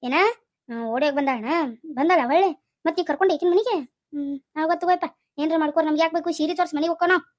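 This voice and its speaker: A woman's voice: very high voice, rapid-fire, dry recording, studio quality. A woman doing a cranky deaf old granny. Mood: scolding. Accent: North Karnataka Kannada. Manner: scolding, rambling, insists she is not deaf. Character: cranky hard-of-hearing old grandmother. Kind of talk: cartoon comedy voice acting.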